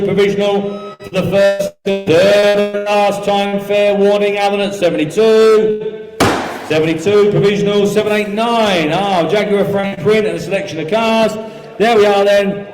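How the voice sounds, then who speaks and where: A man's voice: sits high, a little mellow. A man calling a live auction, chanting and repeating bids and figures as auctioneer. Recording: echoey hall sound with music behind.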